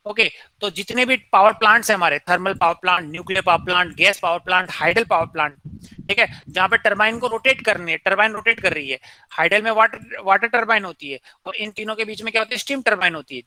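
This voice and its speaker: Guy teaching engineering class, high pitched, keeps asking q's then answers em himself. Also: pushed and bright, no room sound, rough recording. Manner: asks and answers his own questions, mixing English terms. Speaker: engineering lecturer. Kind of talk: classroom lecture, questioning students.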